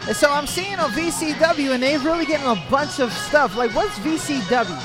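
A man hosting a radio interview, asking loose, rambling questions in an excitable, casual way. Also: extremely high pitch, normal speed. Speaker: radio host. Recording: very loud music and crowd.

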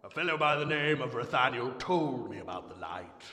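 A man voicing a pompous, greedy old male rat who hoards food, speaking gruffly in haughty old-fashioned phrases. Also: medium pitch, animated, normal speed, pushed and bright. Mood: boastful. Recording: echoey room with long reverb.

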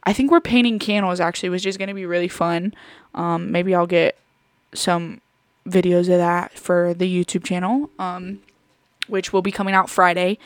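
A woman's voice: fairly low pitch, fairly even intonation, normal speed, no echo. Chatty young woman hosting a podcast. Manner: chatty, rambling, lots of fillers and giggles. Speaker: podcast host. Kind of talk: casual chat.

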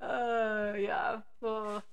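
A woman co-hosting a podcast in casual chat, bubbly and quick to laugh. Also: on the high side, flat delivery, a little hiss or hum. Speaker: podcast co-host.

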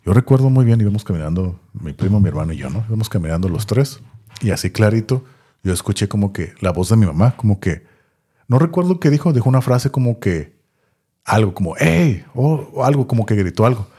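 A man tells a long personal story in relaxed podcast chat. His voice is very low and dark with a husky edge, and he talks fast. He repeats words and keeps tagging his sentences with little questions. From Tijuana, Mexico. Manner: rambling, repeats words, many tag questions. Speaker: podcast co-host.

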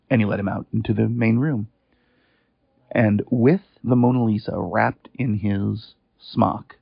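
A man's voice: lowish voice, gravelly, slightly rough, dry recording. A man telling a story in a chatty, rambling way with wry asides, heard over a landline phone. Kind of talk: casual storytelling on a voicemail. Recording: muffled, narrow phone line, dry.

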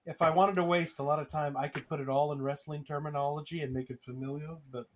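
Brief: male podcast co-host, slightly high voice, rambling and excitable. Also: quick pace, slight background noise. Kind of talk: casual chat.

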